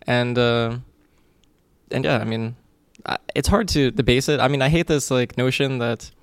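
A man guesting on a podcast, giving measured views in casual chat with frequent fillers. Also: medium pitch, smooth, dry recording. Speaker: guest, pro player.

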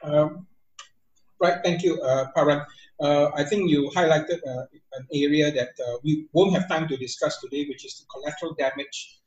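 A man's voice: on the high side, steady tone, moderate pace, a little mellow, dull audio. A man moderating a webinar panel, joking and teasing between hesitations. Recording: roomy, distant video call mic.

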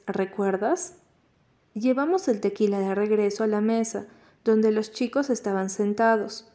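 Woman reading an audiobook, mellow warm voice, calm and measured. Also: medium pitch. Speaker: audiobook narrator. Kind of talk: audiobook narration.

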